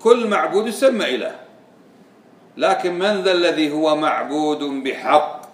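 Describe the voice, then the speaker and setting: A man's voice: fairly high pitch, normal speed. A man giving a religious lesson, quizzing his students with repeated questions. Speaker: religious teacher. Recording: echoey room, voice from far off.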